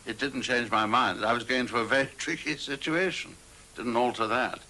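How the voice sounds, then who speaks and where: A man's voice: mid-range voice, normal speed, sharp tone. A former governor recalling his arrival in an interview. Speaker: colonial governor. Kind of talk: interview recollection.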